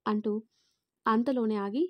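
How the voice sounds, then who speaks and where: A woman narrating a family story, reading every character's lines in her own voice and lifting louder for the quotes. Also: a little high, a little slow, dry recording, highs cut off. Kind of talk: scripted narration with character dialogue.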